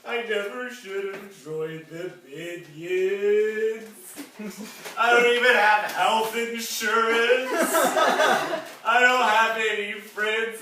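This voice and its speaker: A man's voice: sits high, pushed and bright, full character voice. A man on stage playing a tearful, self-pitying alien henchman in a rambling comic monologue, recorded from far off in a theatre. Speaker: stage actor. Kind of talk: live stage comedy acting. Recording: echoey theatre from far off, noisy.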